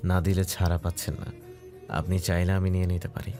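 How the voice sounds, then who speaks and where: A man's voice: low-pitched, monotone, quick pace, warm tone, soft background music, natural voice. A man playing a young doctor husband. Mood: playful. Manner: tender, then anguished and tearful. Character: young doctor husband, romantic then grieving. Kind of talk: romantic audio story acting.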